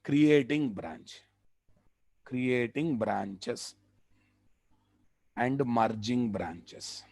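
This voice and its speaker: A man with a Telugu Indian accent giving a live software tutorial as a trainer, repeating phrases for emphasis and checking that the class follows. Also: mid-range voice, lively intonation, drawn-out words, vocal fry, slightly rough, no echo.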